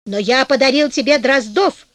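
A woman's voice: sits high, moderate pace, fairly bright tone, dry recording. A woman reading a storybook aloud, voicing a stubborn, quarrelsome husband who insists and exclaims.

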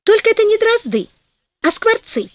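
Argumentative storybook wife, played by a woman reader, shrill, very lively. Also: normal speed, no echo. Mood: indignant. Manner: shrill, insistent. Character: feisty young wife, quick to argue.

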